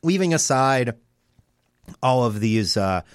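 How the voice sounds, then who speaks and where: Male comedy podcast host; meandering, filler-heavy delivery, medium pitch, dry booth sound. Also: animated, smooth, dry recording. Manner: halting, many fillers and restarts. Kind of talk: rambling comedic storytelling.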